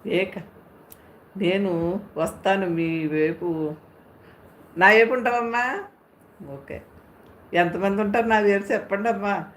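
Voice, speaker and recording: A woman's voice: lowish voice, measured pace, long pauses. A woman hosting a live stream, chatting casually and teasing viewers as she reads their comments aloud. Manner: playful, teasing, talks straight to viewers. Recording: echoey room, faint background hum.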